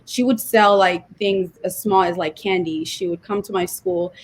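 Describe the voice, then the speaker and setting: Twenty-something woman from zimbabwe, lower voice, lots of um and you know. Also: fairly even intonation, moderate pace, slightly rough. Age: 20s. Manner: hesitant, full of fillers and restarts. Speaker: guest entrepreneur. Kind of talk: casual interview talk.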